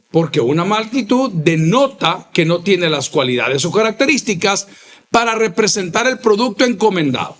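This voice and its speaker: A male pastor, preaching a sermon with emphatic repeated phrases and sudden rises in pitch. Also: a bit bright. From El Salvador.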